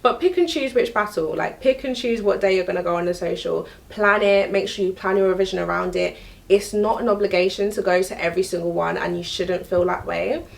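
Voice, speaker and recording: Young woman vlogger, mid pitch with vocal fry, direct and emphatic delivery. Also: a little fast. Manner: frank and emphatic, repeats key points. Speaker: vlogger giving career advice. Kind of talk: direct-to-camera advice talk.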